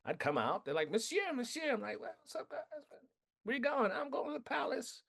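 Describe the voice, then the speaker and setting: A man being interviewed about his film, telling animated stories, acting out quotes and laughing often. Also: extremely high pitch, brisk, gravelly. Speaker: filmmaker guest. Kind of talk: casual interview storytelling.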